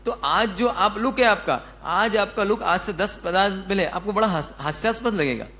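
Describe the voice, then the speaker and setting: Male spiritual teacher, high-pitched, chatty sermon style, acts out everyday quotes. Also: normal speed, bright, forceful tone. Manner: asks the audience questions and answers them himself. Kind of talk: Jain religious discourse.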